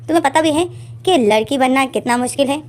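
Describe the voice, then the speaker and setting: A woman's voice: high voice, fast, darkish tone, lightly acted. A woman voicing a loving mother who teases and scolds her son, in a story reading. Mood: scolding. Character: mother, doting, playful, fair to both sons.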